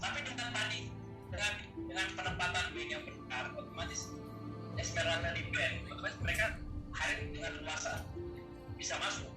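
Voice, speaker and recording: A man's voice: high voice, a little fast, pauses often. A man giving casual match analysis as a co-caster. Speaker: esports co-caster. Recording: distant, echoey, drowned by loud music.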